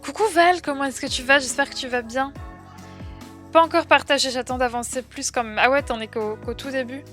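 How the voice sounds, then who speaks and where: Chatty French woman streaming, soft music. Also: high voice, fairly even intonation, brisk. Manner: chatty, reads and answers viewer comments with many fillers. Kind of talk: casual livestream chat.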